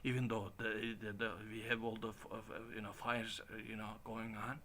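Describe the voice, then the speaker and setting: Low-voiced man rambling with restarts. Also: flat delivery, pushed and bright, slight background noise. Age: 40s. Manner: halting, many restarts and chuckles. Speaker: stream host. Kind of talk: casual rambling monologue.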